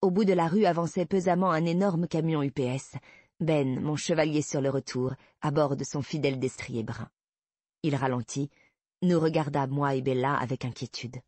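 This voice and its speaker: A woman narrating a first-person novel, measured and soft at the ends of phrases. Her voice is slightly breathy and the recording is dry and close. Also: sits low, steady tone, dry recording. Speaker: audiobook narrator.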